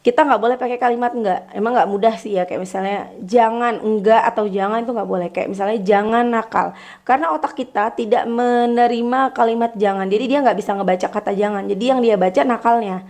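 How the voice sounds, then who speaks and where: A young woman in casual motivational talk to her viewers, chatty, acting out quoted prayers and words to children in a brighter voice. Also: on the high side, fairly even intonation, fairly quick. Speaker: vlogger.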